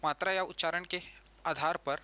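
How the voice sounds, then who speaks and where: A man's voice: a little high, fairly even intonation, normal speed, sharp tone. A man teaching an exam-prep grammar lesson, who repeats key terms and keeps asking the class questions.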